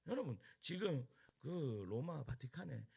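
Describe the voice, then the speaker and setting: A male pastor preaching a sermon, firing rhetorical questions and swinging from loud outbursts to hushed asides. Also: fairly high pitch, animated, a little slow, gravelly, breathy edge.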